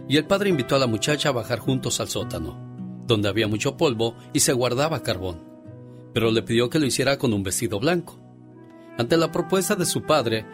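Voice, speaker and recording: Male radio host, avuncular storyteller and chatty moralizer, highly animated intonation, music bed underneath.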